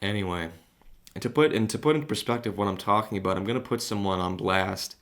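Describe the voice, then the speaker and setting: A man's voice: on the low side, quick pace, creaky, a bit bright. A young man hosting a solo podcast monologue. He rambles and hesitates with many fillers, and speaks earnestly with rising heat. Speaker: podcast host.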